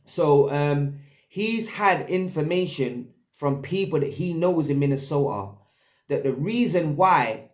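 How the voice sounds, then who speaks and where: A man's voice: a little high, animated, slow pace, darkish tone. A young man with a London roadman accent giving casual commentary as an online host, in heavy street slang peppered with tag questions. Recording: echoey, roomy sound.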